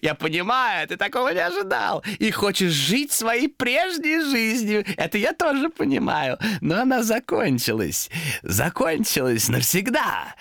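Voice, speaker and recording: A man voicing a cruel male demon trapped in a carved figurine, hoarse and mocking, in an audiobook horror tale. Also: high voice, sing-song, a little slow, fairly bright tone, no echo, studio quality, pitched above the performer's own voice, exaggerated voice. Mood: scheming whisper. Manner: taunting, cackling, wheedling.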